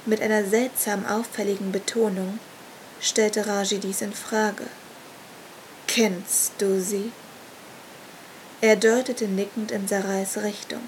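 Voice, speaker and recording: A woman narrating a dark fantasy audiobook in a slow, even, measured reading. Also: medium pitch, a little hiss or hum, poor audio.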